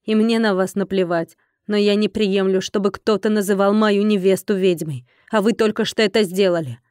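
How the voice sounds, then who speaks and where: A woman doing a calm, firm young man. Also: mid-range voice, moderate pace, smooth, dry recording, studio quality, close to an everyday voice. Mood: cool. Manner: composed, firm.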